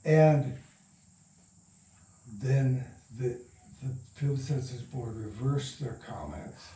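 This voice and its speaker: Speaking very slowly in a mellow, mid-range voice, an older interview guest reminisces through rambling anecdotes. He is distant from the mic, and the room adds noticeable echo.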